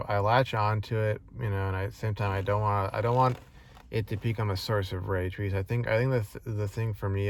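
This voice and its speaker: A man talking in a casual vlog monologue, rambling with many fillers and restarts, earnest and frustrated. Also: on the low side. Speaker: vlogger.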